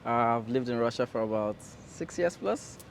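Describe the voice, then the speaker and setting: A businessman answers questions on a city street, confident and reasoning as he goes. His voice sits at a middling pitch. Faint traffic hums behind him. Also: lively intonation, normal speed, creaky. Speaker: interviewee, businessman. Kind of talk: street interview.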